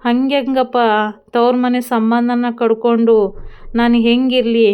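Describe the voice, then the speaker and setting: A woman's voice: a little high, little pitch movement, slow pace, clear, resonant tone, dull audio. A woman voicing an anxious young daughter. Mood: pleading.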